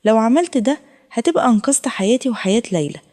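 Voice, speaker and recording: A woman voicing a middle-aged husband who pleads softly and insistently with his wife and a young man. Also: fairly high pitch, sing-song, very fast, big-room sound. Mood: pleading. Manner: soft, begging tone.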